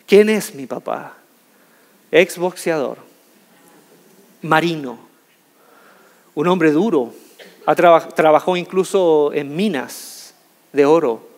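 A man with a notably high voice tells a funny personal story from a stage. He is animated and jokey and leans on key words for effect. His voice rings out with the long reverb of a large hall. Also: slow, long pauses. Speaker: motivational speaker. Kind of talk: humorous storytelling talk to an audience.

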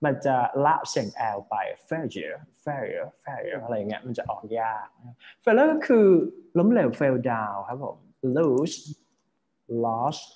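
A man's voice: mid-range voice, sing-song, slow pace, darkish tone. A man teaching an English vocabulary lesson, explaining word by word and often checking that his students follow.

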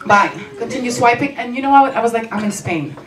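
Telling stories on stage in a small indoor comedy club, this young Belgian comedian speaks English as a non-native with a playful flair, voicing the dialogue herself. Her slightly high voice is expressive and a bit fast. The handheld mic was picked up by a far-off camera, leaving a distant, roomy, noisy recording.

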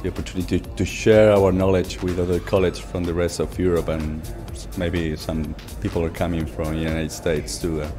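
Deep, dark-voiced Spanish man. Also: little pitch movement, moderate pace, few pauses. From Spain. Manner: hesitant, searching for words. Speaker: sport physician. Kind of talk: interview testimonial. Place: indoor stadium hospitality room. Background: music bed.

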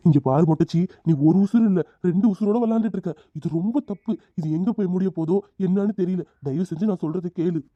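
A woman's voice: on the low side, quick pace, hardly any pauses, no echo, dull audio, lightly acted. A woman voicing a worried older man, a father-in-law who pleads and scolds, in a cartoon. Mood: scolding. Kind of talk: cartoon voice acting.

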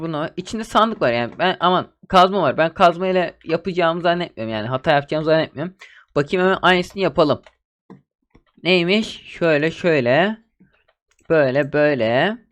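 A man hosting a Minecraft let's play, excitable and bossy, laughing often and scolding his teammate. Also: on the high side. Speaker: gaming YouTuber host.

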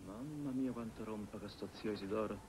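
An actor playing a panicky, blustering young lover who talks excitably and mutters asides to himself. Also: male voice, mid-range voice, a little fast. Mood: frantic. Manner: frantic, excitable, mumbling asides. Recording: noisy old film soundtrack.

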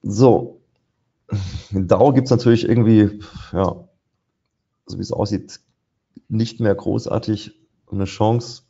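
A man's voice: lowish voice, steady tone, slow, vocal fry, pauses often, warm tone, breathy edge, lo-fi sound. A man commenting live on market charts as he trades, thinking aloud with many fillers. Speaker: trader presenting a live trading session. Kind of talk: live market commentary over screen share.

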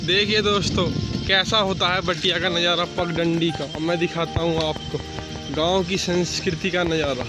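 High, flat-voiced young village vlogger. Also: male voice, moderate pace, rough recording. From Uttar Pradesh, India. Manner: guides viewers, keeps saying "friends". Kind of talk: casual walking tour vlog. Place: outdoors in village fields and lanes. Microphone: phone held at arm's length. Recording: loud background music under voice. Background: music.

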